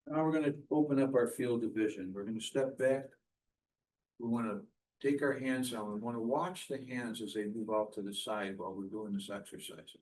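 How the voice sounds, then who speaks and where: Male movement teacher, medium pitch. Short, spaced, step-by-step instructions for a qigong class. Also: a little mellow, a little hiss or hum, poor audio. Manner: measured, step-by-step cueing.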